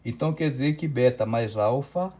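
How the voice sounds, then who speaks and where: Mellow-voiced Brazilian physics teacher. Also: male voice, medium pitch, moderate pace. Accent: Brazilian Portuguese. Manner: step-by-step, thinking aloud, checking with "né?" and "certo?". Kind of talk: online lecture working problems on a board.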